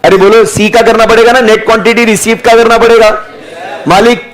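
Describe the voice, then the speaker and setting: A young Indian man teaches a live online accounting class in a very high-pitched voice with little pitch movement, and the audio is poor. He dictates figures slowly and deliberately, mixing Hindi and English, and prods students to answer.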